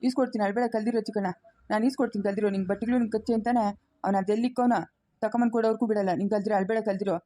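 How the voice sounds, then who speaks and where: A woman's voice: a little high, fairly even intonation, very fast, warm tone, lightly acted. Woman playing a hot-tempered village man. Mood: soothing. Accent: Chikkaballapur Kannada. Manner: fiery, threatening.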